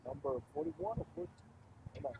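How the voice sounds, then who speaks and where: Soft-spoken male co-commentator, far off. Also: a little high, animated, a little fast. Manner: soft-spoken, brief remarks. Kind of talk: casual live match commentary. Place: outdoor soccer field at a live match. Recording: dull, noisy, distant mic.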